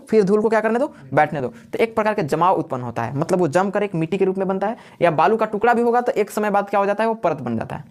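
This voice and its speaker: A man teaching a live class, who keeps asking questions and answering them himself while repeating the key words. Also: high voice. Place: classroom with students.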